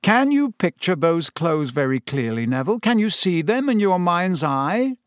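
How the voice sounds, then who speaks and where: Man putting on a kindly wry teacher, gentle and measured, lively rising voice, dry close sound. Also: sits high, no echo, voice pushed up. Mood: encouraging. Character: kindly, wry male teacher, calm and encouraging.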